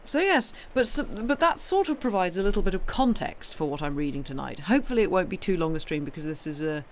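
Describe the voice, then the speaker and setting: A British woman streams and reads to her audience, chatting casually in a playful, informal way that wanders and keeps interrupting itself. Her voice is on the low side, swings widely in pitch, and moves fast, with a little background noise.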